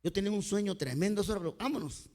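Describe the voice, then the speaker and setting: Man, Mexican accent, pastor, sermon, fairly high voice, earnest storytelling, direct address to listeners. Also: very fast. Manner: dynamic delivery, sudden swings in loudness.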